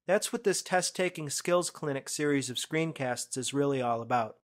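A man narrating a screencast lesson on IT certification, explaining questions in a conversational way that speeds up and slows down for emphasis. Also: a little high, fairly bright tone. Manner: conversational, explanatory, quick bursts then slow emphasis. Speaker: IT certification instructor.

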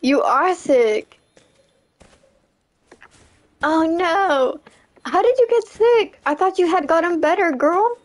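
Streaming a game, a young woman reads chat and talks casually with her audience, laughing plenty and returning again and again to "you know what I'm saying." Her very high voice has lively intonation, a slow pace, and frequent pauses.

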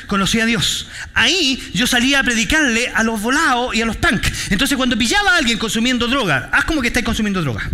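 Chilean preacher guy, really high bright voice, jokey slangy sermon stories. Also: slight background noise. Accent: Chilean Spanish. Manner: animated, joking storytelling with street slang. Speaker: pastor. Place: church.

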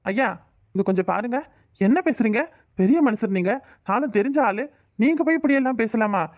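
A woman's voice: on the high side, fairly quick, lightly acted. A woman voicing an earnest young man, the groom in a cartoon, who protests respectfully and reasons with his elders. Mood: protesting.

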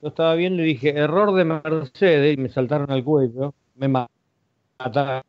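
A man's voice: fairly high pitch, steady tone, normal speed, dry recording. Man on remote call, dropout-ridden stuttering audio, dull lo-fi sound. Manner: repeats hellos, checking he is heard. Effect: choppy breaking-up internet call audio. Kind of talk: casual panel chat. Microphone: remote call mic. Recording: lo-fi dry internet call.

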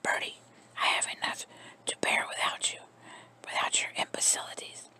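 Reader whispering a bossy haughty old aunt, snappy, bright airy hush. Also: normal speed, low-quality recording. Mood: scolding. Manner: haughty, scolding. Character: imperious older aunt, formidable and snappish. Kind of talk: ASMR story reading.

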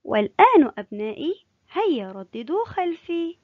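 A woman teaching a kindergarten class, slow, sing-song and encouraging. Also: high voice, big pitch swings, dry recording, phone-quality sound. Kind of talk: teaching young children.

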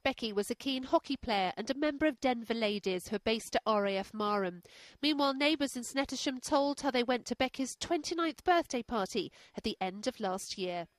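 A woman narrating a scripted news report as a reporter in a clear, crisp delivery. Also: fairly high pitch, expressive, a little fast, no echo.

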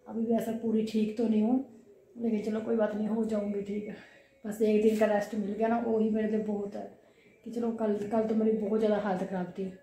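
Hoarse mother, echoey kitchen. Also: medium pitch, warm tone. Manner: chatty, rambling, talks to her kids. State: hoarse from a cough, unwell. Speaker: vlogger and mother. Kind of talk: casual home vlog. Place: home kitchen. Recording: echoey room.

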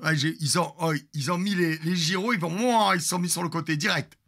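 A man's voice: fairly high pitch, a little fast, sharp tone. A man in his fifties telling a story in a crude, theatrical, jokey way, with asides to his chat. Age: 50s. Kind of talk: casual storytelling.

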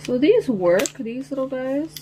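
A chatty woman talks her viewers through organizing her nail studio from the floor, rambling as she goes. Her voice sits a little high. A steady hiss runs under the room recording. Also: a little slow. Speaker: nail art vlogger. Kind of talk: casual chat while organizing.

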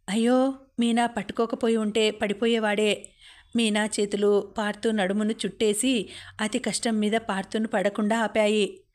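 A woman narrating a romance novel as an audiobook, telling the story at a steady pace. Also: medium pitch.

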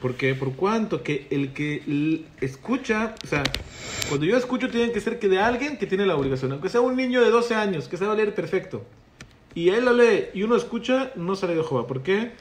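A man's voice: sits high, very animated, normal speed, a little hiss or hum. Man teaching a class, quizzing students. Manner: explains patiently, asks the class questions. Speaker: rabbi teaching halakha class. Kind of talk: Torah class with student questions.

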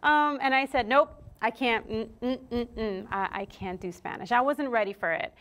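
On an indoor TV studio set, a guest singer in her thirties, raised in Puerto Rico, speaks into a lapel mic during a relaxed interview. Her pitch is fairly high and her pace moderate as she tells lively stories, chatting and laughing.

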